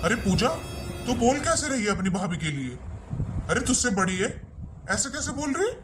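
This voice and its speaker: A man's voice: high voice, very animated, normal speed, over music. A man voicing a tired, exasperated young husband trying to settle a family fight in a cartoon. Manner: exasperated, firm. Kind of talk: cartoon voice acting.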